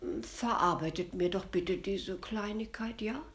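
A woman voicing a sly young queen in a fairy tale, with a sugary, pleading way of talking and hushed sighs. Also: medium pitch, a little slow, roomy sound, close to an everyday voice. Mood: coaxing.

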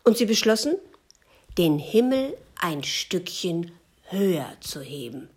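A woman storyteller telling a fable, often sinking into a hushed whisper. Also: lowish voice, very animated. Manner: slow, hushed, dropping to a whisper.

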